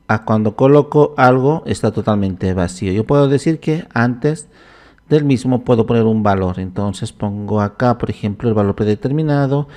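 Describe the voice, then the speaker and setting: Mellow-voiced man teaching a software tutorial. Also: medium pitch. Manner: unhurried, thinking aloud with frequent "entonces". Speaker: software instructor. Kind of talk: screen-recorded software tutorial.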